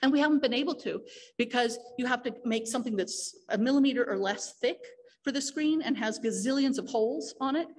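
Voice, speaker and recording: A woman giving a technical conference talk in a lecture hall, explaining with frequent fillers and restarts. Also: a little high. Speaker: conference speaker.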